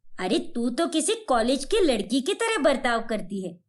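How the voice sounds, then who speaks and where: A woman's voice: high voice, very animated, moderate pace. A woman voicing a stern, traditional mother-in-law in a cartoon story, lecturing her daughter-in-law. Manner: preachy, lecturing. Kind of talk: cartoon voice acting.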